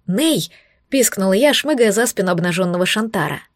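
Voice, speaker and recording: A woman's voice: medium pitch, moderate pace, a little mellow, no room sound, studio quality. A woman narrating a romance novel in the first person, in a sensual, intimate reading. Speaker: audiobook narrator.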